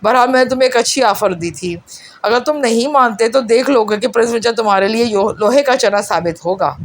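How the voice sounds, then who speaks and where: A woman's voice: a little high, lightly acted. A woman voicing a cunning, defeated foreign villain prince who bargains and threatens. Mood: threatening. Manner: scheming, shifts between bargaining and threats.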